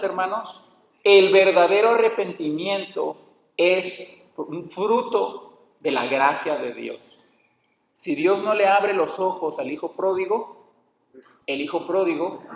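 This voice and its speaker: A man preaching a sermon, calling his listeners brothers and putting rhetorical questions to them. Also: sits high. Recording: echoey hall.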